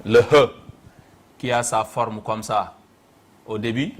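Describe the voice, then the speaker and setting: A Senegalese-accented man leads a step-by-step Quran reading lesson, sounding out each syllable and repeating it. His voice sits fairly low. He speaks very slowly and deliberately. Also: steady tone, a little hiss or hum.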